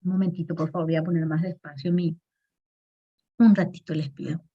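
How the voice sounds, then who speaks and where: Woman lecturer, low-pitched, explanatory online class, lo-fi call audio. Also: flat delivery, a little fast, husky. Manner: patient, explanatory, checks in with frequent tag questions. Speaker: teacher.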